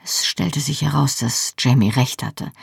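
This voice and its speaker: A woman reading a first-person novel aloud in a measured, calm way. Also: extremely low pitch, creaky, slightly rough, no echo, in a whisper, clean studio sound. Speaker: audiobook narrator.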